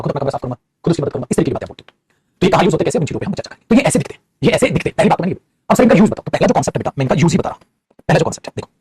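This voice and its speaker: A man's voice: a little high, a little mellow, slightly rough. A man teaching English grammar in an online class, calling his students "beta" and acting out their replies himself. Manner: calls students beta and mere bachche, acts out student replies.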